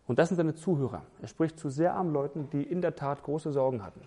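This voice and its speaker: A man's voice: a little high, fast talker, mellow, slightly rough. A man preaching a sermon, emphatic, building lists and asking rhetorical questions.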